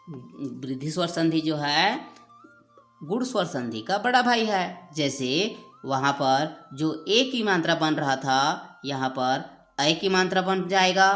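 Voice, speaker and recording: A woman teaching grammar at a slow, unhurried pace, patiently repeating each sound and example. Her voice sits a little low and rings in an echoey room, with faint music underneath. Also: fairly bright tone. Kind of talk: explaining step by step with a whiteboard.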